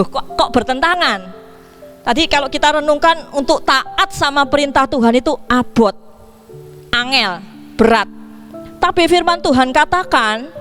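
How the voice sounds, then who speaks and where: A woman pastor preaching a sermon in a lively way, asking her congregation questions. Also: sits high. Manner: lively, asks the congregation questions, acts out dialogue. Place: church.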